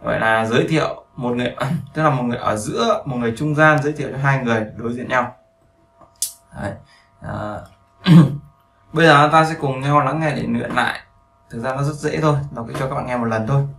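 Male teacher, gravelly voice, repetitive explaining, checks in with listeners, echoey room. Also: medium pitch, brisk, fairly bright tone, far from the mic, slight background noise. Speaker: English teacher. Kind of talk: explaining grammar to beginners.

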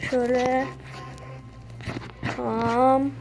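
A woman giving casual running commentary on a game she is playing, recorded on a phone, often addressing her viewers and breaking into excited shouts at surprises. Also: high-pitched, drawn-out words, vocal fry, over music. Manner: keeps saying "okay friends" while playing; bursts into excited shouts at discoveries. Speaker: gameplay commentator. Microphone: phone screen recorder.

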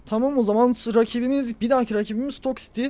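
A young man commentating his own football video game play, talking to himself and the players and yelling at big moments. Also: very high voice, fairly even intonation, very fast. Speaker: gaming YouTuber.

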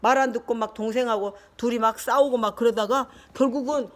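Grandma reading a kids' storybook, lively, keeps stopping to chat with the little one. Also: female voice, fairly high pitch, a little fast. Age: older. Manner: animated, shifting into character voices and asides.

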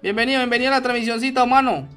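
Bright, high-voiced male game streamer. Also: very fast, smooth, faint music behind. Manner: lively, greets viewers by name between plays. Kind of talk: casual gaming livestream commentary.

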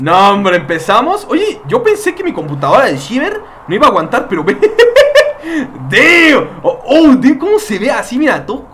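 High-voiced excitable Mexican gamer. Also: male voice, slight background noise. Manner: playful, joking, exclamatory. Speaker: gaming YouTuber. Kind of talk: excitable gameplay commentary.

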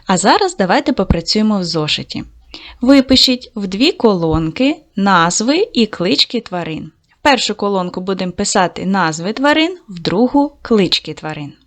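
Lively-voiced woman teaching young children. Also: medium pitch. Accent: Ukrainian. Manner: warm, encouraging, speaks slowly to young children. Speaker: primary school teacher. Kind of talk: video lesson for second graders.

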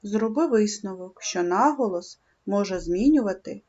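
A woman reading a scripted primary school lesson, speaking slowly and clearly and stressing syllables. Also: mid-range voice, expressive, a little mellow, highs cut off. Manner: slow, clear instructional delivery, stressing syllables.

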